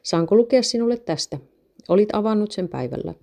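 A gentle, comforting mother, as a woman reads her. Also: medium pitch, expressive, vocal fry.

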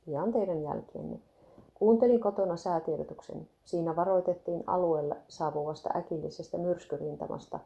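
A woman reading the lines of a calm young man explaining plainly. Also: on the low side, vocal fry.

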